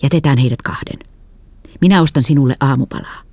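A tired, gentle middle-aged father, as a woman reads him in an audiobook. He talks quietly and earnestly in a mellow, dark tone. The recording is close and dry. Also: rumbling low, no echo. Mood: tender.

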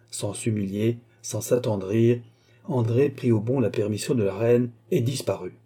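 A man reading a classic novel aloud in a measured, plain narration. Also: mid-range voice, mellow, breathy edge. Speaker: audiobook narrator.

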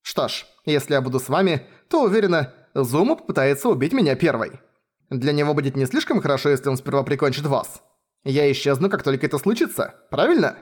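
A cocky young sorceress snaps back in a raised, lively voice, as a male reader puts her on. She is curt and sarcastic, a storybook heroine sure of herself. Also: a little high, quick pace. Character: cocky sharp-tongued young sorceress, female.

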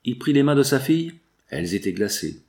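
A man narrating a classic novel as an audiobook, with dramatic, expressive delivery. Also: mid-range voice, fairly quick, gravelly.

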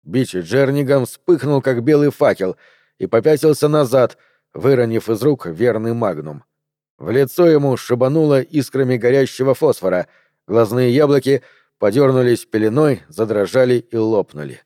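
A man reading an audiobook in a steady, measured narration. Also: mid-range voice, dry recording, studio quality. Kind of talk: scripted narration.

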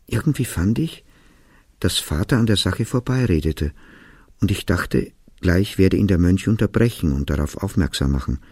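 A man narrating a literary audiobook in a studio, reading in a calm, even, reflective way. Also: low voice, normal speed, slightly rough, no room sound. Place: recording studio.

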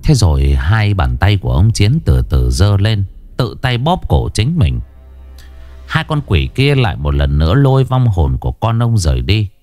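A man's voice: lowish voice, sing-song, moderate pace, a little mellow, faint music behind. A man narrating a horror story in a dramatic, vivid storytelling manner.

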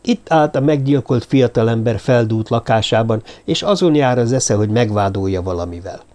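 A male audiobook narrator with a mid-range voice reads a novel from script, keeping a steady storytelling manner.

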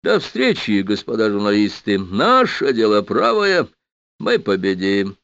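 A man voicing a confident, jovial powerful man who talks loud and mocking, in a dry, slightly muffled recording. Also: fairly low pitch, huge pitch swings, measured pace, dry recording, exaggerated voice. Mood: gloating.

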